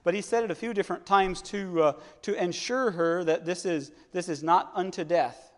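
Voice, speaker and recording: Earnest high-voiced man preaching in a hall. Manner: earnest, halting, repeats words while searching for them. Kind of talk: sermon. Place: church hall. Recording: long hall reverb.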